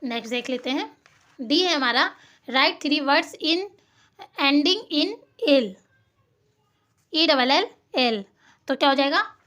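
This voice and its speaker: A woman teacher with a high voice, speaking in a patient classroom manner. She spells each word out slowly, letter by letter, and answers her own questions as she works through the sheet. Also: animated, bright, forceful tone. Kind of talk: classroom lesson explaining a worksheet.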